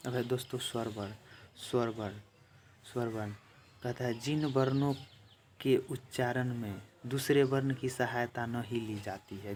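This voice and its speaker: A man at a middle pitch leads a grammar lesson for exam takers. He goes over each definition slowly and more than once, speaking straight to viewers as friends. A faint noise sits under the recording. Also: a little mellow. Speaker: teacher.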